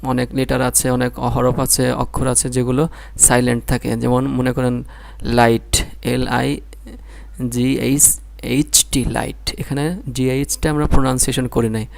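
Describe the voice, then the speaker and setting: A man's voice: mid-range voice, level tone, measured pace, gravelly. A man with a Bangladeshi Bengali accent teaching Quran reading, spelling out syllables one by one and repeating them patiently. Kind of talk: slow spelled-out recitation lesson.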